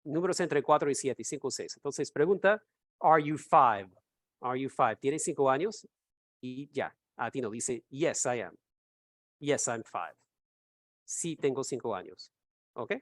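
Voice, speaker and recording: A man teaching an English class over a video call, explaining slowly and repeating words for students to echo. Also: medium pitch, expressive, clean studio sound.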